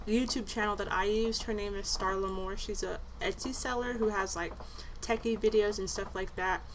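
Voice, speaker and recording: A woman vlogger talking casually and informally as she explains what she is doing. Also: mid-range voice. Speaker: vlogger and candle maker. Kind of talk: casual vlog chat and tutorial. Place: indoors at home. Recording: faintly noisy home recording.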